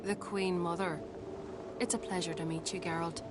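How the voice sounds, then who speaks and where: A woman's voice: fairly low pitch, steady tone, normal speed, heavy background noise, lightly acted. An actress playing a mature, ambitious widowed queen in a video game, speaking in a formal, imperious way. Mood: coolly polite.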